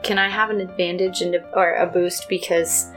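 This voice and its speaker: A woman playing a tabletop role-playing game, chatting casually, quick to argue and laugh. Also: fairly low pitch, steady tone, fairly bright tone, soft background music. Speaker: player.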